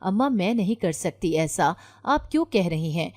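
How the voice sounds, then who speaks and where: A woman narrator voicing an anxious but defiant young unmarried daughter in a storybook reading, insistent and sharp-tongued. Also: fairly low pitch, lively intonation. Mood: angry. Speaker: daughter in a read-aloud story.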